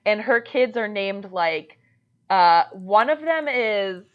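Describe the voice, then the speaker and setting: A woman's voice: medium pitch, takes it slowly. Chatty woman with a dull, lo-fi sound. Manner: animated retelling with acted-out quotes and laughter. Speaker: podcast co-host. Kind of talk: casual chat reviewing a movie.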